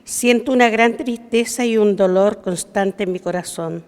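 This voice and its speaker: A woman's voice: medium pitch, normal speed, a little mellow, clean tone. A woman gives a solemn scripture reading as a lector at Mass in a church. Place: large church. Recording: long church reverb.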